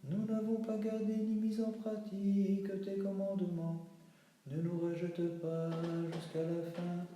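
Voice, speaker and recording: A man chanting a slow, solemn liturgical reading in a chapel, moving between spoken lines and sung refrains. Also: high voice, level tone, mellow. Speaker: reader of liturgical texts. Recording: very echoey chapel, voice from far off.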